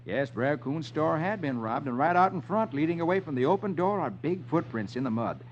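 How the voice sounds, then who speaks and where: A man with a voice on the high side briskly reads the funny pages as host of a 1950s children's radio program, performing with animated theatricality. The muffled period recording has music underneath.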